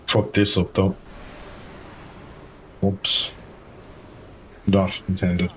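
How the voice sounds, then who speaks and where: A man's voice: low voice, completely flat delivery, extremely slow, slight background noise. A man streaming a raid, talking in dry, wry asides with the odd swear. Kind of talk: casual raid chat.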